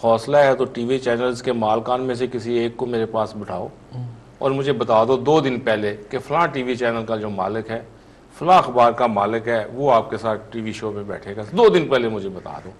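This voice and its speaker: A man from Pakistan, a politician guest in a heated television debate, insisting and repeating himself to hold the floor. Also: medium pitch.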